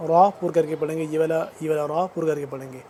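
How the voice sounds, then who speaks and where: A man with a Pakistani Urdu accent teaching Quran recitation rules. He recites verses slowly and drawn out, then explains each rule quickly and quietly. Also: a little high, steady tone, slight background noise. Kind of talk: tajweed lesson, slow recitation with fast spoken explanations.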